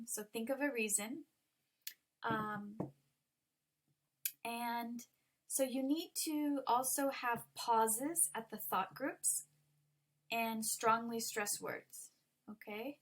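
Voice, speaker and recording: A woman ESL teacher walking students through an online lesson, explaining patiently with many ums. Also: fairly high pitch. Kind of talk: recorded online lesson walkthrough.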